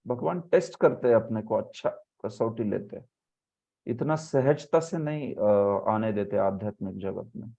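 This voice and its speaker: A man leading a scripture class who explains by example and sounds out words slowly. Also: on the low side, lively intonation, creaky, mellow. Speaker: spiritual teacher. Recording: muffled lo-fi audio.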